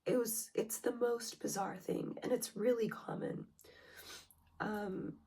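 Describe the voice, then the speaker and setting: A young woman who makes relationship vlogs shares a personal self-help video in a hoarse, breathy voice strained by a cold, with a gravelly fry under her tone and words often slipping into a whisper. Her voice sits on the high side with fairly even intonation. She speaks slowly and hesitantly, pausing often, with many ums and soft whispery breaths.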